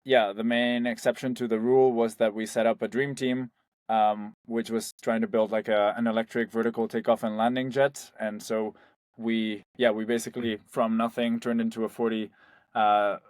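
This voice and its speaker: This young man from Spain founded a startup and chats in a loose, conversational way during a casual interview, leaning heavily on "like" and "um." He has a mid-range, somewhat dark voice with little pitch movement and a normal speaking speed, captured in a dry recording.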